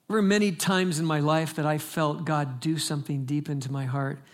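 Older male pastor, slightly raised pitch, dramatic and emphatic sermon storyteller. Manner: emphatic, dramatic storytelling with big swings in volume and pace.

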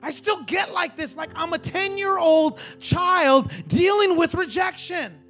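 A man in his forties, a pastor preaching a sermon in a repeating, rising cadence that climbs toward shouting. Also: very high voice. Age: 40s. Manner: builds to near-shouting, repetitive preaching cadence.

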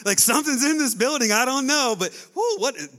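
A pastor playing an amazed first-time church visitor. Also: male voice, very high-pitched, extremely slow, pitched above the performer's own voice, full character voice. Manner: excited, gasping exclamations. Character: wide-eyed male first-time church visitor, excited.

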